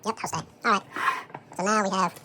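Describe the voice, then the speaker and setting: A home cook talking through a how-to while preparing food, relaxed and thinking aloud with frequent fillers, played back as a sped-up chipmunk voice. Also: noisy background. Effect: sped-up chipmunk voice, high and fast. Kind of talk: casual how-to commentary while working.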